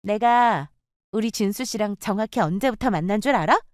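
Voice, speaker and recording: A woman's voice: medium pitch, animated, moderate pace, no echo, studio quality, close to an everyday voice. A woman voicing a jealous, taunting young woman who gloats over stealing her friend's ex. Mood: gloating. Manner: smug, gloating and needling. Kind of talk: storytelling with acted dialogue.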